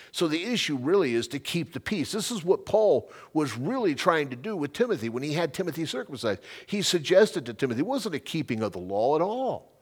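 Brief: middle-aged male pastor mid-sermon. Emphatic and animated, with a very lively pitch. Repeats key lines for stress. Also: husky.

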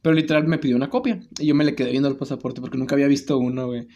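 A young man with a Mexican Spanish accent telling a story in casual chat, slangy and animated, laughing often. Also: medium pitch, very fast, muffled recording.

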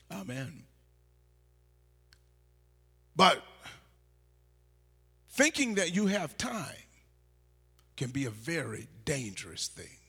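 Bishop, raspy and gravelly, slow deliberate sermon delivery in a reverberant church hall. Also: male voice, on the high side. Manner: slow, deliberate preaching that rises to loud exhortation. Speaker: bishop preaching. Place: church sanctuary.

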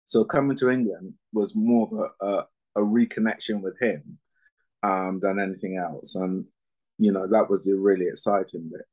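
Measured low-voiced man, former cricketer. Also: fairly even intonation, a little mellow, low-quality recording. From Barbados. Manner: measured, with frequent fillers. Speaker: guest, former cricketer and coach. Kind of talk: interview answers.

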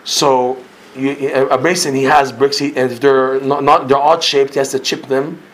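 Animated man teaching a Torah class. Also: a little hiss or hum. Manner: animated, swings between loud emphasis and low quiet asides; sprinkles Hebrew and Yiddish terms, self-corrects mid-sentence. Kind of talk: storytelling religious lecture.

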